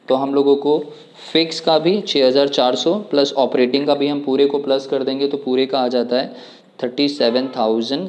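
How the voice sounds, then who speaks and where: A man teaches an exam problem to students at a steady middle pitch. He works through it step by step and keeps asking his listeners questions along the way. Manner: explains step by step, asks rhetorical questions. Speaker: commerce tutor. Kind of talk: exam problem walkthrough lesson.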